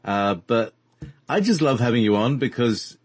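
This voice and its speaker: Husky guy hosting a loose radio chat, says w instead of r, halting, really dry close sound. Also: mid-range voice, animated, dry recording. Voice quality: trouble saying R, says w for r. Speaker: radio show host. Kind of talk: casual rambling talk show hosting.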